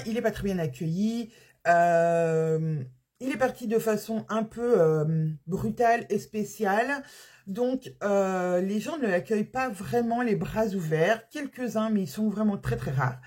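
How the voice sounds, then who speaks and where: A woman's voice: mid-range voice, darkish tone, slightly rough. A woman chatting casually about her weekly reading, hesitant and often correcting herself. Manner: hesitant, many fillers and restarts, self-correcting. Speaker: book podcaster. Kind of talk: casual book review chat.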